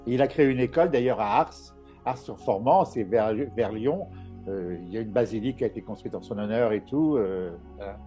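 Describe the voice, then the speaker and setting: A man's voice: lowish voice, a little fast, warm tone, muffled recording, faint music behind. A middle-aged man, a medium, telling stories from his life in a casual interview, laughing often and restarting his sentences. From Paris. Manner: chatty storyteller, laughs often, many restarts. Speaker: medium and author, interview guest.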